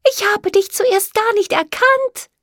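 Woman voicing a tiny winged storybook creature, very high, bubbly, dry close sound. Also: big pitch swings, normal speed, no room sound. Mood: eager.

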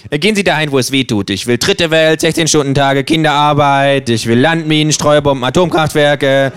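A man's voice: a little high, fairly quick, fairly bright tone, clean tone, voice pushed up, lightly acted. A man reading aloud, voicing a cynical, mocking male kangaroo who talks in a sarcastic, provocative way. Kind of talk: reading aloud with character voices.

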